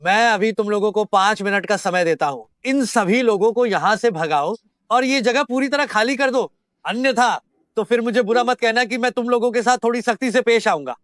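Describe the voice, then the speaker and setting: A man's voice: sits high, moderate pace, a bit bright, no echo, studio quality. A man voicing an arrogant, crude male village head who sneers and threatens in a dubbed drama. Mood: threatening.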